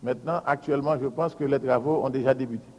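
A man, a public works official giving a formal budget presentation and reading out lists of figures in a measured, deliberate way. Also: mid-range voice, fairly even intonation, darkish tone. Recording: hall with long reverb.

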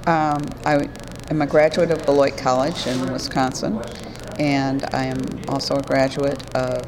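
Older clergywoman in her 70s, very low voice, halting and reflective, noisy hiss behind. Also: flat delivery. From New York State. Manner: thoughtful, halting with many fillers. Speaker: retired pastor. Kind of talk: oral history interview.

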